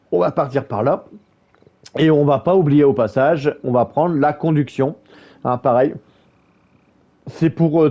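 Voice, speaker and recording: Male gaming YouTuber, casual guide voice-over, lots of fillers, mellow tone, muffled lo-fi sound. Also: fairly high pitch. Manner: halting, many fillers and restarts.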